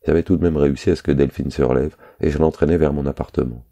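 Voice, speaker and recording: A man reading a novel aloud in a measured, even storytelling manner. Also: a bass voice. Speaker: audiobook reader.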